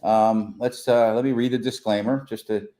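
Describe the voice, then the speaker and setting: A man's voice: on the low side, fairly even intonation, moderate pace, warm tone. A man co-hosting a local podcast, chatty and joking. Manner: joking, chatty, laughs often. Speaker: podcast co-host. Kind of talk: casual chat.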